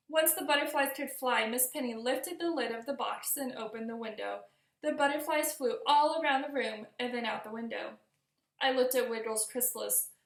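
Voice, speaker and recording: A teacher with a high, creaky voice reads a picture book aloud to young children, telling the story expressively and directly to her listeners. The room lends a noticeable, roomy echo.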